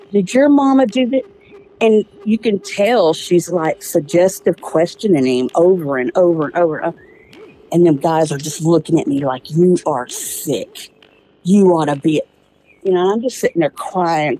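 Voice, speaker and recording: A middle-aged woman with a lowish, mellow voice tells her own hard story in an interview. She laughs nervously between painful memories, acts out other people's words, and her voice climbs when she gets indignant. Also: a little hiss or hum, poor audio. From East Texas. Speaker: interviewee, accused mother. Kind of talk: recounting a personal ordeal in an interview.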